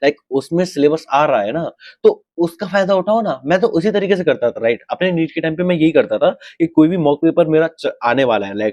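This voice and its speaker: A young Indian man mentoring exam students in a casual, direct way, often checking in with quick tag questions and dropping English phrases into his talk. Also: medium pitch, darkish tone, no echo, muffled recording. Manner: direct, repeats "ठीक है" and "right" to check in, mixes English phrases.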